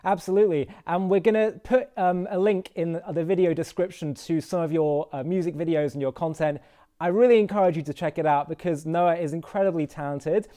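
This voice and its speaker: Host, male, mellow and smooth, halting delivery full of restarts. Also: fairly high pitch. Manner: hesitant, many fillers and restarts. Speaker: interview host. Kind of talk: casual interview.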